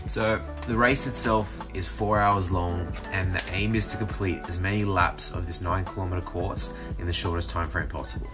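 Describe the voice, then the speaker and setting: A man's voice: deep voice, steady tone, normal speed, hardly any pauses. A man with a nasal voice, feeling under the weather, telling a chatty, self-deprecating story as a voice-over. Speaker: vlogger narrating his race. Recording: roomy sound with music underneath.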